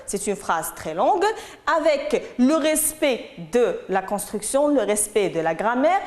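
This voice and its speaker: A woman teaching a French lesson, explaining slowly and patiently and checking in with her students as she goes. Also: a little high, big pitch swings, roomy sound. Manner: explains patiently, slow and repetitive, asks "d'accord?". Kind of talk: recorded lesson.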